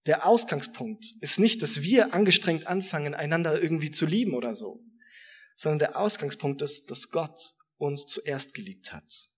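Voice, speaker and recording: A man giving a sermon in a relaxed, conversational way that turns reflective. His voice is a bit husky and sits slightly higher than usual. He stresses his points by repeating phrases. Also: moderate pace. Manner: reflective, conversational preaching with emphatic repetition. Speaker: preacher.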